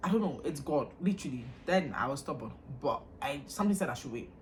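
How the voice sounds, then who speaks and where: A woman's voice: low voice, fast talker, slight background noise. A young woman vlogger telling a story about her own life, acting out the voices of the people in it. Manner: animated, acts out quoted lines. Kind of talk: storytime vlog.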